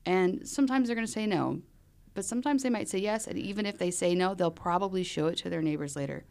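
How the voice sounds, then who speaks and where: Woman, interview host, low pitch, upbeat, laughs easily, casual chat. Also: fast, a little mellow. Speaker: podcast host.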